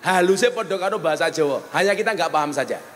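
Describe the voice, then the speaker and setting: Fast-talking and animated, a man with a fairly high voice and a Javanese accent delivers a humorous sermon in a large hall to an audience. He moves back and forth between Javanese and Indonesian, playfully performing the voices of characters in his stories.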